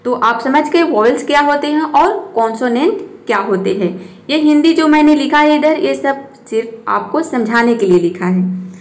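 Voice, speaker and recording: A woman teaching a spoken English lesson. She asks her students questions and answers them herself, and she slows down to spell out each example word. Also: high voice, expressive.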